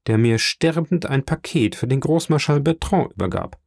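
A man reading the part of a young, dutiful ship's first mate in an audiobook, brisk and polite. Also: medium pitch, animated, creaky, a little mellow, dry recording, clean studio sound, voice pushed up.

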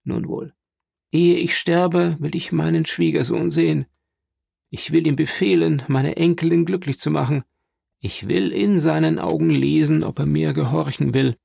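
A man's voice: on the high side, steady tone, moderate pace, vocal fry, mellow, slightly rough, dry recording, studio quality, heavily acted. A man voicing a frail, stern old grandmother who speaks in an imperious, insistent way, in an audiobook reading. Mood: commanding.

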